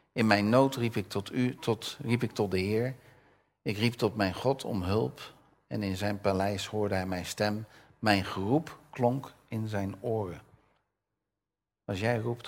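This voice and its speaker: An older man preaching a conversational sermon, reading Bible verses aloud and asking his listeners questions. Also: fairly low pitch. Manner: conversational, asks the audience questions; reads scripture with raised voice.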